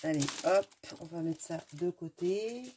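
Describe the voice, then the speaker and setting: A woman's voice: lowish voice, a little slow, background noise. Sniffling French-speaking woman unboxing crafts. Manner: chatty, enthusiastic, searching for words with many fillers. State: stuffy, sniffling. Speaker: craft video host. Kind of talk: casual unboxing chat.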